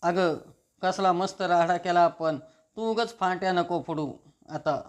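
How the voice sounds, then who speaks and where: A man reading the lines of a cocky young woman who gloats slowly about her scheme. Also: on the low side, fairly even intonation, close to an everyday voice. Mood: gloating.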